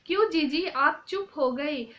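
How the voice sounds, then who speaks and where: Woman reading weary young wife, withdrawn, plain read-aloud, high-pitched, muffled recording. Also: a little slow, fairly bright tone. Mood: subdued. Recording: dull lo-fi recording.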